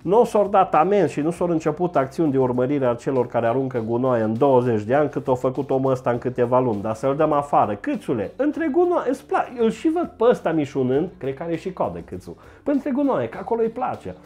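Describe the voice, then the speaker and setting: A man doing a mocking satirical comedy monologue, jumping into high mock voices. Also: very animated, few pauses, darkish tone.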